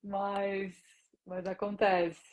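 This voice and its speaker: A woman's voice: medium pitch, little pitch movement, extremely slow, a little mellow. A woman hosting a live video stream from her home, chatting casually with her guest and laughing often. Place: at home in Canada.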